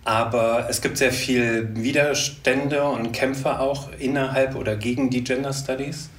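A man from Germany, a researcher as interview guest, answering in a measured way with many fillers. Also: mid-range voice, steady tone. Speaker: guest, gender studies researcher. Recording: echoey room, distant mic, faint noise.

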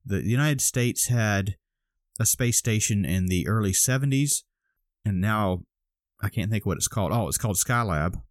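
This man's voice sits on the low side, and he speaks at a moderate pace over clean studio sound with no echo. As a podcast co-host in casual chat, he explains a topic step by step, a bit groggy and frequently starting over.

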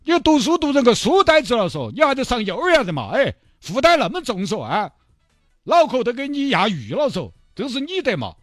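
A man's voice: extremely high pitch, huge pitch swings, a little fast, no room sound, clean studio sound, faint music behind, pitched above the performer's own voice, exaggerated voice. A man voicing a cranky old village grandfather with a who scolds and teases. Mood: scolding. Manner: scolding, teasing.

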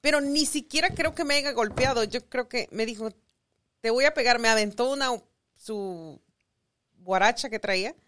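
Rambling storyteller woman, fairly high voice. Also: normal speed, fairly bright tone. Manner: rambling, self-correcting storytelling. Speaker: podcast co-host. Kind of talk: casual family chat.

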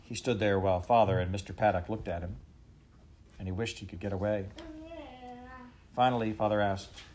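A man reading a children's book aloud in a calm, even storytelling manner. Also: fairly low pitch, normal speed, a little hiss or hum. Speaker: audiobook reader.

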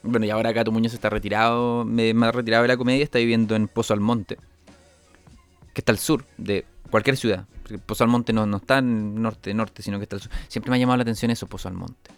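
Here the same comic host, a young man with a Chilean accent, speeds through his stand-up tales in a fairly low, steady, clear and resonant voice. His storytelling wanders, full of sound effects and restarts, with faint music in the background.

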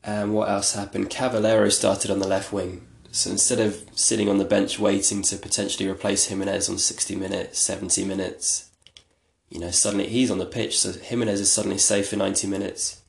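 Low gravelly man in an echoey room. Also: level tone, fairly quick. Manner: rambling, self-deprecating, chatty. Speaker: podcast host. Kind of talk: casual solo podcast talk.

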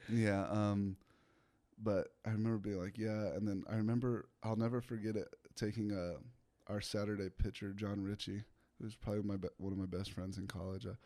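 A young man speaks with a slightly low voice. He tells his story in a relaxed way, with plenty of casual fillers. He laughs often as he talks. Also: a little fast. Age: young adult. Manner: laid-back, laughs often, filler-heavy. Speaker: guest, pitcher.

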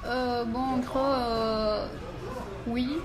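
A woman, answering in a casual interview in halting, repeated phrases. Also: a little high, level tone, a crowd in the background. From Venezuela. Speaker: illustrator interviewee.

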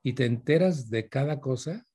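A man's voice: medium pitch, expressive, normal speed, mellow, breathy edge. A man with a Mexican Spanish accent gives a conversational talk to a live audience, speaking straight to his listeners and weaving in stories from his own life. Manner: addresses listeners directly, mixes in personal stories. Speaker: speaker giving a talk on parenting.

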